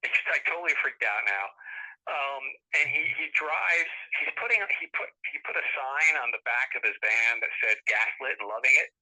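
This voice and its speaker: A middle-aged man, a guest author, telling a long story in a casual interview, animated and chuckling, often restarting his sentences. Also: medium pitch, moderate pace, poor audio.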